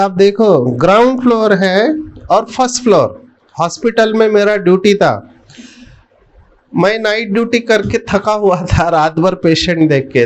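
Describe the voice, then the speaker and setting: A middle-aged man giving a spiritual talk, telling a personal story and putting questions to his listeners. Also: high voice. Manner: slow, storytelling, addresses the audience with questions. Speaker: spiritual speaker.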